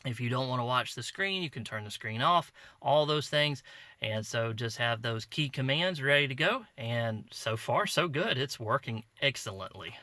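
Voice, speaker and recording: A man's voice: mid-range voice, expressive, normal speed, pushed and bright, no echo. A man reviewing a product, talking through its setup in a folksy, conversational way. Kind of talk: casual product review demo.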